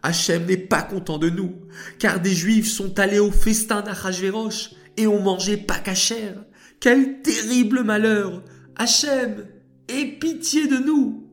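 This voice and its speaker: A man's voice: high voice, slow pace, soft background music, pitched above the performer's own voice. A man voicing a grieving older man in a children's story, wailing and pleading earnestly. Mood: anguished. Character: grieving older male cousin, wise.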